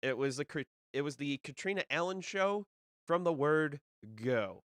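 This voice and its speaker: A young man talks on his own as the host of a casual show, rambling and restarting his sentences. He sounds a bit nasal from a cold. His voice is smooth and resonant, with a dry, close sound and no room echo. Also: a little high, lively intonation, normal speed, fairly bright tone. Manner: rambling, with many fillers and restarts. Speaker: disc golf podcast host. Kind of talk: casual solo live-stream talk.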